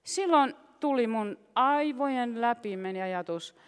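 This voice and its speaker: A woman preaching a sermon, impassioned, slowing down when she quotes scripture. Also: fairly high pitch, animated, clear, resonant tone, long reverb tail.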